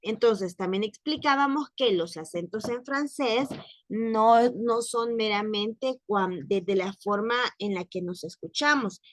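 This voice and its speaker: Woman teacher, slow drilling delivery, dry close sound, slightly high voice. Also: no echo. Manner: slow, careful, repeats words for drilling. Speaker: French teacher. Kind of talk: online language class.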